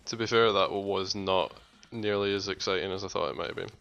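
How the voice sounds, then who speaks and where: A man's voice: deep voice, fairly quick, gravelly, fairly bright tone, muffled recording. A Scottish man chatting casually over a game, teasing his friend in a dry, sweary way. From Scotland. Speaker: gaming channel co-host. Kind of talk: casual gaming chat.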